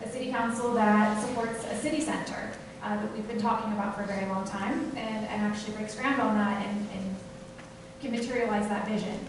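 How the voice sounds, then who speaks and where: A woman's voice: mid-range voice, steady tone, fairly quick. A woman from Tennessee running for city council, giving a fluent campaign speech with occasional fillers. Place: meeting room. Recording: echoey room from far off, noisy.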